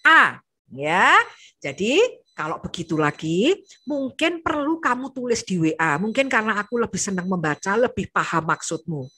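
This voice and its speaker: Female speaker from Indonesia, bright and animated voice, audience-facing teaching talk that acts out dialogues. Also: medium pitch, normal speed, breathy edge. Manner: lively, acts out sample dialogues and often addresses the audience. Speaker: speaker at a women's ministry event.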